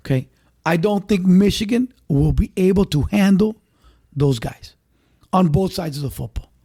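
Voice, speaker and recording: Man, podcast co-host, emphatic, repeats himself, high voice. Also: animated, normal speed, warm tone, slightly rough. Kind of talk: casual sports chat.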